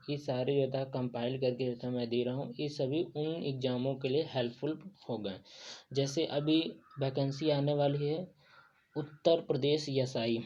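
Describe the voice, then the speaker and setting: A man's voice: medium pitch, dark tone. A young man teaching an exam-prep lesson, talking through a whiteboard and stuffing almost every phrase with habitual fillers. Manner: filler-heavy, repeats "jo tha" and "jo hota hai". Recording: dull lo-fi sound.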